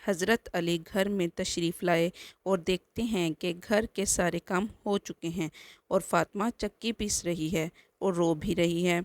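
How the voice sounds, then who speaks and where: A woman narrating a religious story slowly and mournfully, appealing to her listeners. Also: on the low side, steady tone, no echo.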